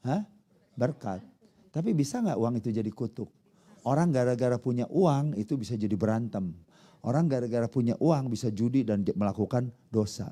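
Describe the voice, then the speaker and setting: A pastor preaching a conversational sermon, often putting questions to the congregation. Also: male voice, mid-range voice, mellow, husky.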